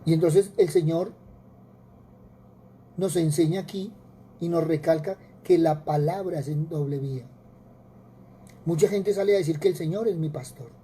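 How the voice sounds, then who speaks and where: A male preacher with a Colombian accent delivers an earnest sermon. His voice is deep and mellow, and he often repeats words and asks rhetorical questions. A faint hiss of noise sits under the recording. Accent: Colombian Spanish.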